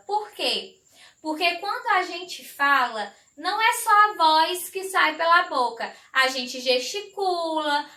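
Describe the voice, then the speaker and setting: A woman's voice: very high-pitched, sharp tone, reverberant. A woman teacher giving an online grammar lesson, affectionate and explaining step by step with many repetitions.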